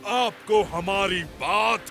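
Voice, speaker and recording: A man's voice: sits high, drawn-out words, vocal fry, sharp tone, exaggerated voice. An actor voicing a boastful, power-hungry male alien supervillain in a cartoon, with a gloating, commanding manner. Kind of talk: cartoon voice acting. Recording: music behind.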